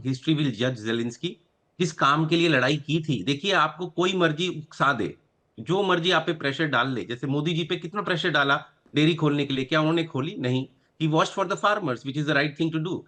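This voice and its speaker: A man joining a televised debate as a remote guest, speaking in a measured, confident way. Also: a little high, a bit bright.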